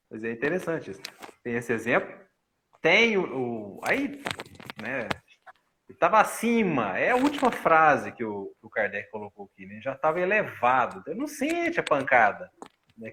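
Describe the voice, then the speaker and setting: A man's voice: medium pitch, a little hiss or hum. A Brazilian man giving a casual spiritist study talk, telling stories and acting out the people in them with laughs along the way. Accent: Brazilian Portuguese. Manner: animated storyteller who acts out quoted lines with laughs. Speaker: spiritist study group presenter.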